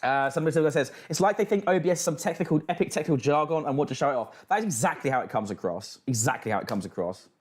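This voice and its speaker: A man's voice: on the high side, lively intonation, rapid-fire, hardly any pauses, slight background noise. A British man hosting a casual livestream, reacting and reading out chat with sweary, mocking banter. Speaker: livestream host.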